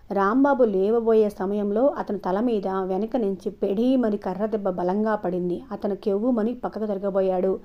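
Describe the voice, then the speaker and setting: A woman storyteller reading a novel aloud in a steady, expressive storybook style. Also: medium pitch. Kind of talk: scripted narration of an audio novel. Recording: dull lo-fi recording.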